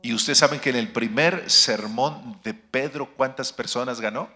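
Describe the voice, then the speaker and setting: A male pastor with a very bright, forceful voice delivers an emphatic sermon in a church. He peppers the congregation with rhetorical questions and moves between booming declarations and quiet asides. Soft instrumental music plays underneath. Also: normal speed. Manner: swings between loud declarations and hushed asides. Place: church sanctuary.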